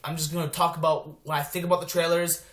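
A man's voice: a little high, little pitch movement, fast talker, fairly bright tone, echoey room. A young man casually reviewing a movie trailer for his vlog, rambling with many filler words and restarts. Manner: rambling, lots of ums and restarts. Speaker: movie vlogger.

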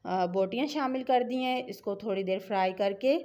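Speaking at a normal speed with a medium pitch and darkish tone, this cooking channel host talks viewers through a home recipe. She is a middle-aged woman with a Pakistani Urdu accent, and her tutorial voice-over is friendly, encouraging, and instructive.

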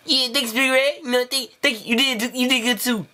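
A man's voice: very high voice, steady tone, a little fast, sharp tone, far from the mic, pitched above the performer's own voice, full character voice. A man voicing a goofy, nervous sidekick cartoon bird who mumbles agreement.

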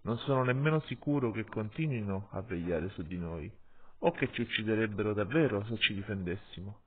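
A stern, weary wolf leader speaks in a low, husky, commanding tone, as a man reads him. Each word is grave and deliberate. The audio is thin and phone-like. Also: expressive. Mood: resolute.

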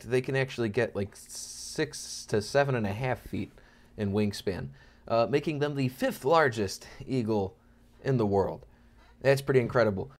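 A young man, an amateur birder, narrates wildlife footage with informal, joking, educational commentary and plenty of enthusiasm. His mid-range voice moves at normal speed, with a little hiss or hum in the recording.

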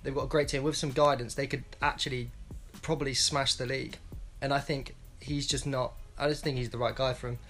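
Medium-pitched and a bit bright, his voice holds a steady tone as he speaks fairly quickly with hardly any pauses, soft music playing underneath. The speaker is a young man in his twenties doing a blunt, rambling solo football analysis vlog from a small home room on a wired earphone mic.

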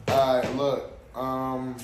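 A brash, profane man hosts a dating game, teasing the players as he runs the rounds. His voice sits at a middle pitch and bounces around an echoey room, with faint background noise underneath. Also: monotone, slow. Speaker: host running a dating game segment. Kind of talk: casual chat. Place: indoor room in a content house.

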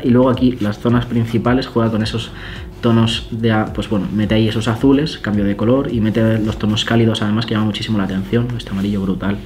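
A young man talks casually and excitedly, gushing and swearing in awe as he pages through an illustration book. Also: medium pitch. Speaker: illustrator and YouTuber. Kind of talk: casual vlog, flipping through an art book.

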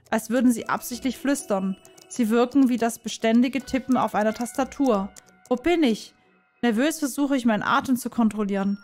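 A woman reading a visual novel aloud in first person, soft, reflective and dramatic. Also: a little high. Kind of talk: expressive first-person game narration.

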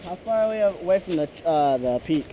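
A man hiking in a forest, chatting in short, blunt, deadpan remarks to the man filming. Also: high voice, brisk, slight background noise, poor audio. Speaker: hiking companion. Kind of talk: casual chat while hiking. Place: forest hillside outdoors.

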